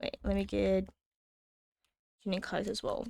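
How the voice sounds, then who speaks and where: A young woman hosting a reaction video, gushing and excitable as she comments casually. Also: medium pitch, a little slow, vocal fry, no echo. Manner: gushing, excitable, talks over music.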